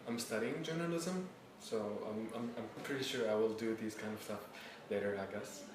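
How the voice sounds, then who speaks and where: A young adult student from Syria, in his early twenties, hesitates through interview answers with plenty of fillers, his fairly low voice at a moderate pace. A crowd can be heard behind him, and the distant mic picks up room echo and background noise.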